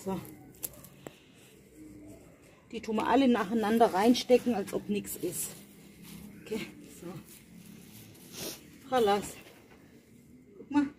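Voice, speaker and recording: A mother who vlogs talks casually and directly to her viewers while planting in a garden at night, as part of a family vlog. Her mid-range voice is warm and unhurried, with frequent pauses, and there's slight background noise.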